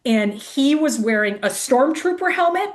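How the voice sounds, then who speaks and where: A woman's voice: sits high, expressive, moderate pace. A woman guest telling a casual story in chatty speech, full of "like", acting out the voices of the people she quotes. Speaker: guest, race director.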